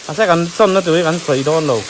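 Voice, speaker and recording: A person chatting casually outdoors, laughing between remarks. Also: mid-range voice. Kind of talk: casual chat while out in the field. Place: outdoors near water. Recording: noisy outdoor recording, running water.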